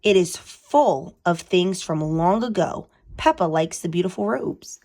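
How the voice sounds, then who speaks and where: A woman host reading a storybook aloud for children, animated and asking her listeners questions. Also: lowish voice, measured pace.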